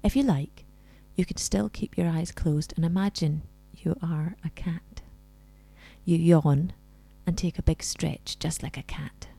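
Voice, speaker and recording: A woman leading a scripted guided relaxation in a soft, soothing, breathy spa-like voice that comes close to a whisper. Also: deep voice, steady tone, unhurried, no room sound, faint music behind.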